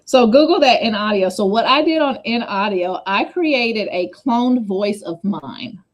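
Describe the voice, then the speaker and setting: A woman hosts a relaxed livestream chat over a video call. She talks quickly and hops from point to point, circling back with chatty asides. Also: mid-range voice, muffled recording. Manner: fast, scattered, chatty with repeated asides.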